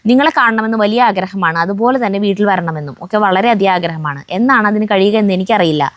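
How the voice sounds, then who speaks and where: A woman co-hosting a family vlog, reading viewer comments aloud in a steady voice and breaking off now and then to chat and joke, outdoors at home on a windy day. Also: mid-range voice, a little fast, dry recording.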